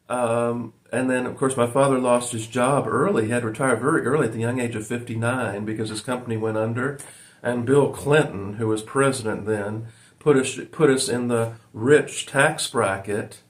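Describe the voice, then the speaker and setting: Rambling man in his forties, talking to viewers. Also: medium pitch. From Virginia, USA. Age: 40s. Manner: meandering, full of ums and uhs, keeps calling the audience "folks". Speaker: vlogger. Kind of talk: rambling personal monologue to viewers.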